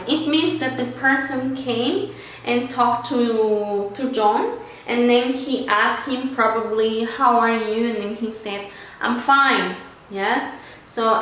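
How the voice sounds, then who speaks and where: Slow-talking woman teaching in an echoey room. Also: a little high, fairly bright tone. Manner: switches between English and Spanish, frequent "okay?" checks. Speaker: English teacher. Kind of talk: online grammar lesson. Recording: very echoey room with faint ambient noise.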